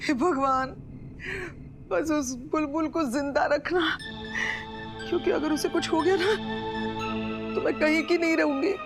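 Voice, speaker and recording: Very shrill, panicky mother. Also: fairly even intonation, unhurried, pauses often. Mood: anxious. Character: panicky, pleading mother in trouble. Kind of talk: exaggerated TV sitcom acting. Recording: loud music behind.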